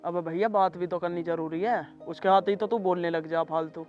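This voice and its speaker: A man as a high-voiced coaxing village lover. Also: steady tone, brisk, darkish tone, lo-fi sound, soft background music, close to an everyday voice.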